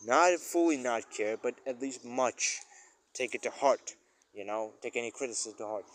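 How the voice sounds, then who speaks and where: In a rambling personal audio log, a musician muses aloud in a casual spoken-thoughts monologue, often groping for words and stressing his exclamations. His voice sits at medium pitch, and the low-quality recording carries a little hiss or hum.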